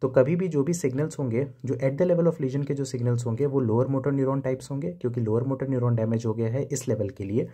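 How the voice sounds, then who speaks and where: A young man teaches a physiology lesson in a very dark, mellow voice with a slightly husky edge. He explains step by step and keeps returning to the key terms. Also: medium pitch, fairly even intonation, quick pace, few pauses. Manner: explains step by step, repeating key terms, mixing English medical terms into Hindi. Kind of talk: recorded video lecture.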